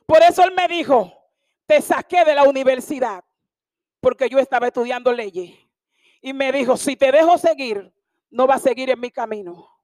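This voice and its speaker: Woman preacher, high voice, impassioned and emphatic, dry close sound, faint music behind. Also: normal speed, no echo. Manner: impassioned, emphatic, at times shouting. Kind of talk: sermon.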